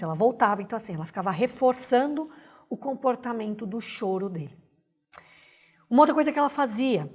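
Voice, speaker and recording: A woman with a Brazilian Portuguese accent teaches a recorded class, her voice a little high and husky. She explains things step by step as an instructor, often checking in with the tag question "né?".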